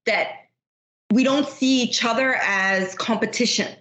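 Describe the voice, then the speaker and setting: A woman's voice: fairly high pitch, unhurried, fairly bright tone, reverberant. A middle-aged woman, a business unit manager, speaking candidly and at length as a podcast guest. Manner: candid, talkative, many fillers like you know. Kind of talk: casual interview chat.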